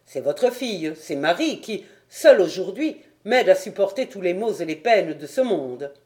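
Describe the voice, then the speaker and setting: A woman doing a grieving proud nobleman, loud and lamenting. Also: on the low side, big pitch swings, normal speed. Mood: bitter grief. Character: anguished proud man, a fallen nobleman.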